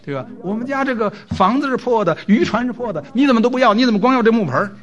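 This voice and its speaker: A man's voice: expressive, rapid-fire, dark tone, dull audio. A man voicing a greedy, scolding old fisherman's wife while retelling a fairy tale in a sermon. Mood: angry scolding. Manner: scolding, indignant rising pitch.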